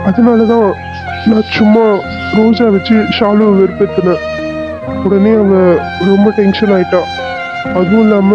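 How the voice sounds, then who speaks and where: A lovesick young cartoon guy pours out his heartbreak in a sad, pleading voice, as a man plays him. His voice sits high for a man, and it is recorded dry and a bit dull. Faint music plays underneath. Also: natural voice. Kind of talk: cartoon serial voice acting. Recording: slightly dull lo-fi dry audio.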